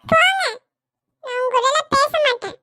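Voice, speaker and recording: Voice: extremely high pitch, measured pace, pushed and bright, exaggerated voice. A performer voicing a whiny, sulky young boy in a family comedy cartoon, complaining tearfully that nobody will play with him. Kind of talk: family comedy skit dialogue.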